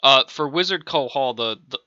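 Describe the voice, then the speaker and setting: A man's voice: mid-range voice, moderate pace, bright, forceful tone, no room sound. A man casually narrating his own improvised audiobook story, rambling and chuckling as he goes, on a dull lo-fi recording. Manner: rambling, chuckling between lines. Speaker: amateur audiobook reader. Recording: dull lo-fi dry home recording.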